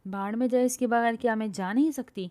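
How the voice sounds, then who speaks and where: Loud quarrelsome young heroine, read by a woman. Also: a little high, steady tone, close to an everyday voice. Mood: angry. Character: bossy, boastful, hot-tempered young university woman. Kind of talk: storybook reading.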